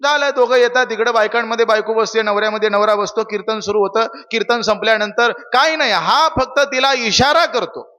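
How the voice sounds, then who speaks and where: High, bright young kirtan preacher. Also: male voice, big-room sound. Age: young adult. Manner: questions the audience, preachy storytelling. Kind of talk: Marathi kirtan sermon.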